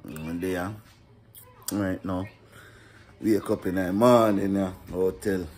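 This young man's deep, slightly mellow voice moves slowly with fairly even intonation as he vlogs casually in a Caribbean accent, full of slang and repeated catchphrases. He films himself on a handheld phone at arm's length in a hotel room and along an outdoor walkway, with faint noise behind him.

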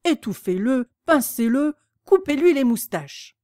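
A woman voicing a furious, bossy queen who shouts orders in a raised, shrill voice. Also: big pitch swings, unhurried, no room sound, studio quality.

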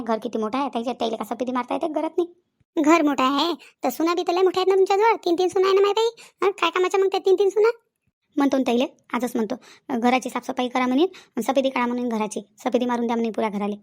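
A proud, sharp-tongued older village woman, as a woman puts her on for a cartoon. She speaks in a high, quick patter. She scolds and boasts without pausing. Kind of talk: cartoon voice acting.

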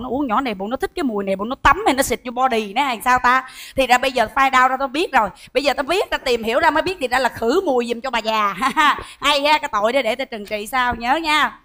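An actress, who talks in rapid, teasing, exclamatory bursts. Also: female voice, high voice, pushed and bright. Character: sharp-tongued bossy woman performer, quick to mock. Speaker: comedic lead. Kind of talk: stage comedy sketch.

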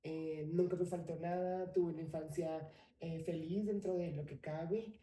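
A woman's voice: fairly low pitch, fairly even intonation, unhurried, dark tone. A young adult woman from Colombia, telling her story expressively as a podcast guest in a casual interview. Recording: roomy, slightly distant mic.

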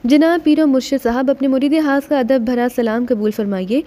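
A man's voice: very high-pitched, fairly even intonation, warm tone. A woman voicing a witty male secret agent in an audiobook, joking and mock-respectful.

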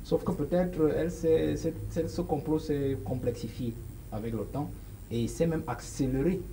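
A man's voice: on the high side, moderate pace, dark tone, poor audio. Man, Cameroonian French accent, forties, emphatic interview guest, lapel mic, faint background hiss. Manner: emphatic, gestures while speaking, many hesitations. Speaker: political guest. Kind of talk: studio interview. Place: small studio set with sofas.

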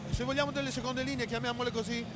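A man's voice: very high voice, flat delivery, rapid-fire. A man working as a sports reporter, putting post-match interview questions to a player. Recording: loud background noise, distant-sounding voice.

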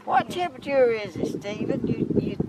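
An older woman, high and lively in pitch, exclaims and chats while fishing. She sounds a little off the mic, and loud wind noise blows over the recording outdoors. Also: normal speed. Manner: exclaiming, chatty. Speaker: channel host, grandmother. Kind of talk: casual family chat. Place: small boat on a lake outdoors. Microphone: camera held by speaker. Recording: windy outdoor mic from far.

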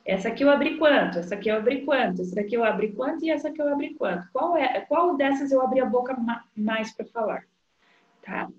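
Woman teacher, slow sing-song explaining, dull echoey recording. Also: high voice, expressive. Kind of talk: recorded literacy lesson for young children. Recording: dull, echoey room sound.

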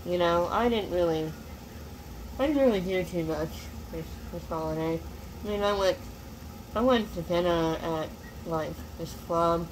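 Young woman, casual home cooking vlog, rambling with fillers and restarts, phone close up, noisy recording. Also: lowish voice. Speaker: cooking vlogger. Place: small home kitchen, indoors. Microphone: phone camera close up.

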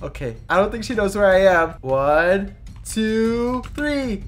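A woman narrating a Minecraft role-play, excitable and full of yelps and exclamations. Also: mid-range voice, slow pace.

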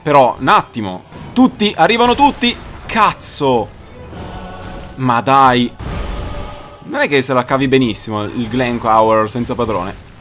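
A young man doing let's play commentary, excitable, swearing and shouting at the game. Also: mid-range voice, unhurried, faint music behind. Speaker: gaming YouTuber.

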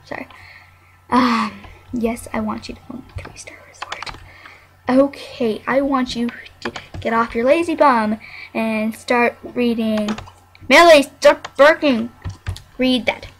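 A woman's voice: fairly high pitch, unhurried, a little hiss or hum. A young woman chatting casually while playing a life simulation game, scolding her barking dog now and then, with keyboard clicks behind her. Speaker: gameplay narrator.

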